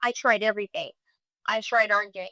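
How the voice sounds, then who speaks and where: Bright, smooth-voiced woman telling her story. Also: medium pitch, no room sound. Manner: emotional, halting, with many restarts and quoted speech. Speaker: guest sharing her story. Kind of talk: personal storytelling in a podcast conversation.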